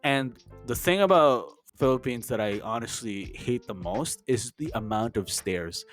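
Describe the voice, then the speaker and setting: A man's voice: medium pitch, animated, a little slow, faint music behind. A Canadian man co-hosting a podcast, telling travel stories in casual chat and acting out the quotes. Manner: chatty storyteller, acts out quotes. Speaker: podcast co-host.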